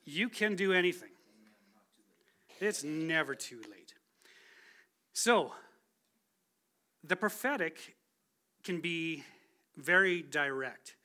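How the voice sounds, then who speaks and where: Slow, with frequent pauses, this man's voice is a little high, expressive, and sharp in tone. He's in his forties, a guest speaker in a church sanctuary offering a chatty, casual testimony from the pulpit with plenty of self-deprecating humor.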